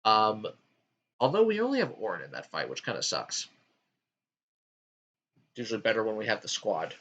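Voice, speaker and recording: A man hosts a relaxed chat about video games, and his pitch swings widely from line to line. He fills pauses with ums and jumps between thoughts. The recording sounds dull and lo-fi. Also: breathy edge. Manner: animated, jumpy pitch with frequent ums. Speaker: podcast host ranking game worlds. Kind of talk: casual gaming chat.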